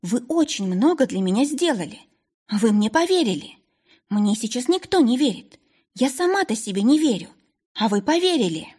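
A woman plays a flustered grown woman on the run in a storybook audiobook, her voice pitched high and anxious. Breathy and husky, she pleads in quick, nervous phrases. She never stops sounding desperate. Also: sing-song, a little mellow. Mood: grateful.

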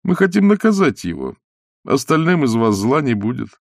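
A man voicing a burly crowd leader of about thirty who speaks briskly and defiantly. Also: mid-range voice, no echo, clean studio sound, pitched above the performer's own voice. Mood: demanding. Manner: brisk, lively, demanding.

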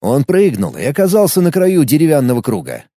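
A man narrating an audiobook with animated, expressive storytelling. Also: a little high, brisk, no echo, clean studio sound.

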